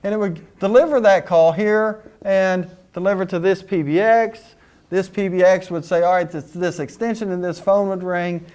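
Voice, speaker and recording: High-voiced man teaching. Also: a little mellow. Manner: conversational, anecdotal, rhetorical questions. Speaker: instructor. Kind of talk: technical lecture.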